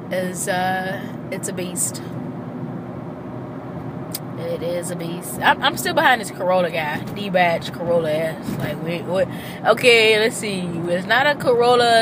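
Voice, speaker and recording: A woman chatting casually and animatedly while driving in traffic, swearing freely, recorded in her car. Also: on the low side. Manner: chatty, profane, animated storytelling. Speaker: vlogger. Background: faint car and road noise.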